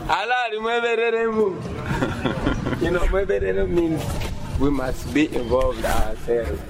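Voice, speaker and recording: A man's voice: high-pitched, slow pace. A man casually showing visitors around a music studio, heard in a poor-quality field recording played as a clip. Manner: relaxed, laughing, introducing people. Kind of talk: informal tour talk on location. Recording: rough, distant field recording with loud music behind. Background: music playing.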